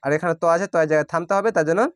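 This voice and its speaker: A man teaching Quran reading, spelling out each syllable slowly and then blending it into the word. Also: on the high side, steady tone, dry recording, studio quality. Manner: draws out recited words very slowly. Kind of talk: slow letter-by-letter recitation lesson.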